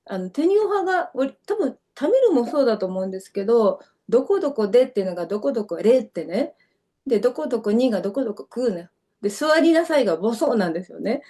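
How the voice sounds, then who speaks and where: Speaking fast in a slightly high, sing-song, mellow voice, this middle-aged woman from Kyoto, Japan has a Kansai accent. She's a dancer chatting as an interview guest in casual conversation, her stories long, rambling, and full of fillers.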